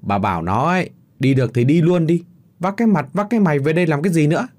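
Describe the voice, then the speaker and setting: A man's voice: mid-range voice, lively intonation, measured pace. A man voicing a stubborn, bitter old father who talks in curt, barking bursts. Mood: angry.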